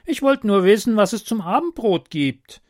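A pushy little storybook kobold, cheeky and boastful, as a man puts him on, with a high excitable voice that swings widely as he wheedles. The sound is close and dry, with no room around it. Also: moderate pace, no echo.

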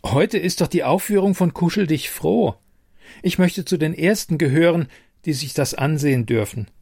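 A man's voice: fairly high pitch, very animated, moderate pace, creaky, no room sound, studio quality, voice pushed up, exaggerated voice. A man voicing a young woman who hides her nerves behind forced cheer. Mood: feigned cheer. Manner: forced bright, nervous cheer.

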